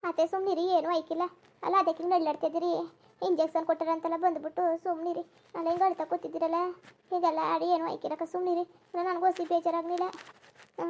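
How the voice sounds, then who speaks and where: A dutiful young daughter-in-law in a cartoon, gently urging calm in a very high, level voice. She keeps her tone patient and reassuring throughout. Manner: soothing, pleading for calm. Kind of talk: cartoon voice acting.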